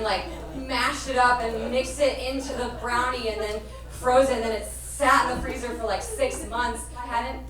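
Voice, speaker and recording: A woman telling a comic personal story live, in a rambling way full of "like.". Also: a little high. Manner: rambling, heavy use of "like". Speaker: stage storyteller. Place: performance stage. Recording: echoey room, far from mic.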